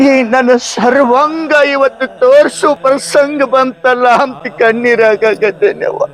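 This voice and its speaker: An actor playing a devout monk in his forties, lamenting slowly and tearfully, with a North Karnataka Kannada accent. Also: extremely high pitch, steady tone, faint music behind. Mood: weeping. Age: 40s. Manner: slow, weeping, preachy lament. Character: tearful devout male monk guarding his clay pot. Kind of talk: village comedy drama acting.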